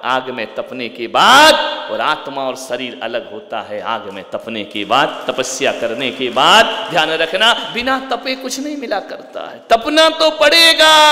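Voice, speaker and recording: A man preaching a sermon, swinging between booming lines and quiet asides, with humor and little acted scenes. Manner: animated, swings from loud to quiet, mimes, jokes. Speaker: Jain preacher. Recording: echoey hall with long reverb.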